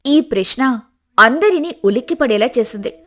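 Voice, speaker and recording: A woman narrating an animated family drama in a dramatic storytelling manner. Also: a little high, moderate pace.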